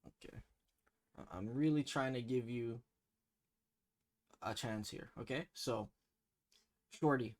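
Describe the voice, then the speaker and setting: A man with a Toronto accent runs a casual slang quiz at a middle pitch. He talks in slangy banter, teasing his contestant with mock sternness. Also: a little slow, long pauses. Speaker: quiz host.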